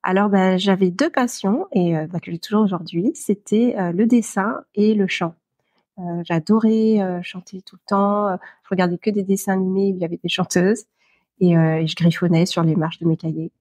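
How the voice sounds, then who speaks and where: A woman, speaking in a fairly low voice as a podcast guest. She pauses often and hunts for words, filling gaps as she goes. The recording is close and dry, with no room sound. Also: steady tone, darkish tone, no echo. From Paris, France. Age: 40s. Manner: hesitant, many pauses and fillers. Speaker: interview guest. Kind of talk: podcast interview.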